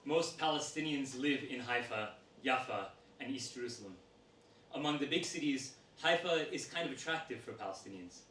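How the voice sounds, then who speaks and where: A man reading a woman's interview answers aloud to an audience in a steady, measured voice. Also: medium pitch. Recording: roomy sound from a distant mic with faint noise.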